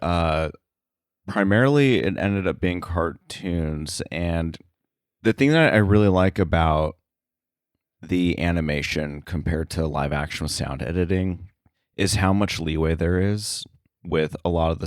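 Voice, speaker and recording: A deep-voiced man appears as a podcast guest, talking casually about his work as a sound effects editor in a thoughtful, somewhat hesitant way. The recording is dry and studio quality.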